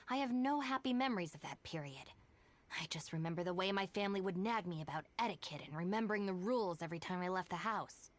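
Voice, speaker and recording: A woman's voice: mid-range voice, lightly acted. A woman playing a reserved, practical young anime game character who speaks in a matter-of-fact, polite, composed way. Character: reserved young masked woman, former shrine maiden, dryly practical. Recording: background music under the voice.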